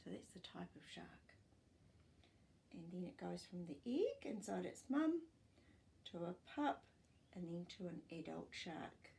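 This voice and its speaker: Indoors in a small furnished living room, an older woman hosting storytime reads a non-fiction book aloud to children, stopping to explain things in clear phrases for her young listeners. She speaks slowly and expressively, her pitch rising and falling freely, with some creak in her voice and a slight hiss or hum in the recording.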